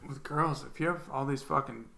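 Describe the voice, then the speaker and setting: A man's voice: medium pitch, brisk, creaky, bright, forceful tone, echoey room. A man co-hosting a podcast in casual chat, laid-back and agreeable, swearing freely. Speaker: podcast co-host.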